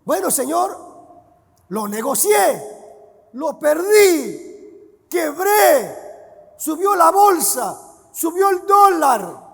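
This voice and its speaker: A man voicing a distraught servant who lost his master's money and pleads his excuses, shouting in bursts. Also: extremely high pitch, big pitch swings, extremely slow, gravelly, long pauses, long reverb tail, voice pushed up, exaggerated voice. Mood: pleading excuses. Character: distraught ruined male servant making excuses.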